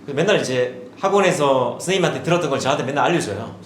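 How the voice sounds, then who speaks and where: A man in his forties, an education director giving a demonstrative seminar talk to parents, now and then switching into a brighter voice as if coaching children. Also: mid-range voice, animated, rapid-fire. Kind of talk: seminar presentation. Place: seminar hall. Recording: echoey hall with faint room noise.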